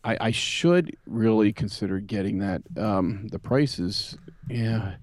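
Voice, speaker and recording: A man's voice: on the low side, measured pace, darkish tone, no room sound. A man co-hosting a podcast, chatting casually and rambling with many fillers about vintage computers. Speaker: podcast co-host.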